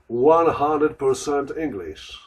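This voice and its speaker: Brief: male lesson voice, slow, deliberate repetition, lively pitch, off-mic. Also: recorded from a distance, low-quality recording. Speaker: lesson model voice repeating lines. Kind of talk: slow repeat-after-me drills.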